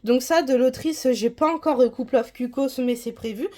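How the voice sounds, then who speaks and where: A woman's voice: high-pitched, moderate pace, warm tone. A woman from France giving a casual, rambling tour of her manga collection, with frequent hesitations.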